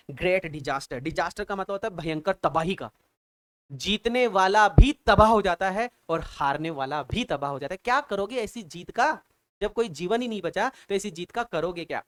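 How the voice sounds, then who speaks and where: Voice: mid-range voice, no echo. An English teacher explaining a poem line by line, translating each phrase and asking rhetorical questions with enthusiastic exclamations.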